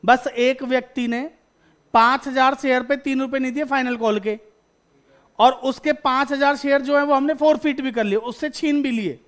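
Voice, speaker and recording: A man's voice: very high-pitched, fairly even intonation, moderate pace, fairly bright tone. A man teaching a class, who keeps asking his students questions, answers them himself, and calls them "beta". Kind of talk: classroom lecture.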